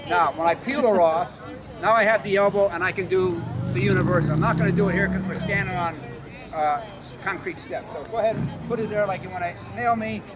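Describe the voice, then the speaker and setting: A man with a high-sitting voice teaches self-defense on concrete memorial steps out in public, speaking briskly over a noisy crowd. This martial arts instructor demonstrates hands-on and walks through each move casually amid the city sounds.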